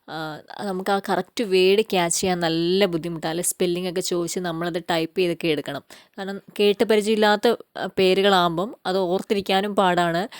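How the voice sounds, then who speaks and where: A woman's voice: medium pitch, no room sound, studio quality. A woman from Kerala giving a casual, chatty farm-tour vlog outdoors in a garden, explaining things and often tagging on little questions. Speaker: vlogger.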